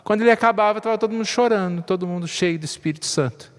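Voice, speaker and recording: Male pastor, fairly high voice, conversational sermon with light jokes, long church reverb. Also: racing. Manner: conversational, frequent tag questions, light humor.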